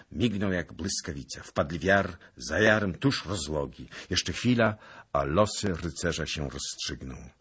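A man narrating an audiobook in a dramatic, expressive reading style. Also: extremely low pitch, husky. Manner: expressive, swelling with the action.

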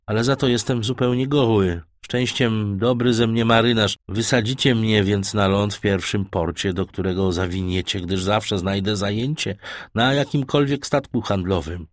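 A man voicing a calm, self-assured shipwrecked sailor in an audiobook. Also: lowish voice, moderate pace, no room sound, clean studio sound, close to an everyday voice. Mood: steady.

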